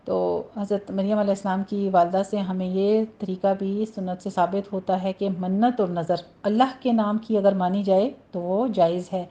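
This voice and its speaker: A woman teaching Quran recitation rules, explaining each word, then reciting it slowly and carefully. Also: mid-range voice, steady tone, mellow, muffled recording. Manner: instructive, drawn-out recitation of single words.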